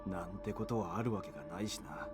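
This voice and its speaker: A male actor voicing a young mercenary hero in an anime-style visual novel, speaking in clipped, terse lines and snapping out sharp yells in battle. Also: sits low, rapid-fire, close to an everyday voice. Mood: muttering. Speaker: protagonist of a visual novel game. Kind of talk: anime-style game voice acting. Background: game music.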